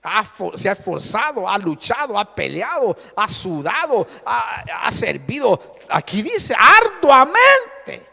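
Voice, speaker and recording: A man preaching a sermon in a church hall, his voice very high and gravelly. It rings out with long reverb as he swings into sudden loud outbursts and acts out quoted voices. He keeps calling his listeners brother. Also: very animated, measured pace, few pauses. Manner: addresses listeners as hermano. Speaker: pastor.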